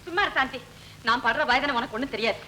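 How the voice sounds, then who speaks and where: An actress playing a snobbish, bossy wife in a 1970s film comedy, talking haughtily and dropping English words. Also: female voice, sits high, quick pace, bright, forceful tone, poor audio. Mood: mocking.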